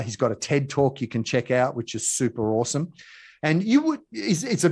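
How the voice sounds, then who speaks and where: A man giving a motivational leadership talk, telling a story in a lively way and acting out the quotes. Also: medium pitch. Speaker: speaker at a leadership session.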